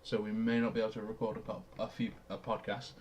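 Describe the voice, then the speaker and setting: A man's voice: fairly low pitch, flat delivery, quick pace, darkish tone, lo-fi sound, slight background noise. Young man, from Australia, enthusiastic, podcast co-host, casual sports chat. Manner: enthusiastic, explains plays.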